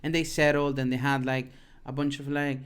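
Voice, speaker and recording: A man from Venezuela with a Venezuelan accent, co-hosting a casual podcast and explaining slang in a rambling, halting way. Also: mid-range voice, level tone, clean tone. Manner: rambling, halting, many restarts and fillers. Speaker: podcast co-host. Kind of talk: casual bilingual podcast chat.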